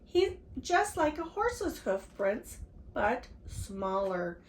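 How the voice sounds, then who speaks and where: Grandma voicing a storybook mom, patient and explaining, slow and bright-pitched, echoey room. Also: female voice, very animated. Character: a mom on a desert hike, explaining. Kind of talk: storybook read-aloud. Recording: roomy echo, faint background hiss.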